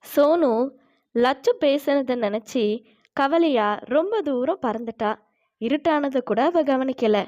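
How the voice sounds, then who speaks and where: Woman storybook narrator, fairly high voice, calm and even. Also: takes it slowly, muffled recording.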